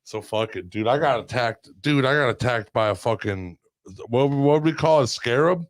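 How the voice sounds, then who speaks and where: A man hosting a loose podcast conversation, spinning long stories full of swearing. His voice sits at a middle pitch. He breaks into sudden yelps when he acts out the scary parts. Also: normal speed. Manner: animated storyteller, swearing, loud yelps when acting out scares. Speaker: podcast host. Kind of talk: casual podcast chat.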